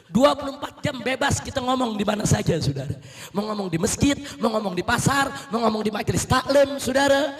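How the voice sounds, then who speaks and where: A man's voice: very high-pitched, fairly bright tone. A middle-aged man giving a rousing political sermon to a crowd, repeatedly calling out to his listeners and leading chants. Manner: rousing, repeats "saudara", calls for takbir and crowd responses. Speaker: Islamic preacher.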